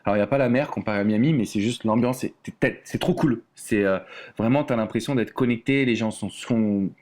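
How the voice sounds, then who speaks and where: A man's voice: on the low side, a little fast, darkish tone. Chatty French-born man, guest coach. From France. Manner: chatty, many fillers and restarts. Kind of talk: casual podcast interview talk.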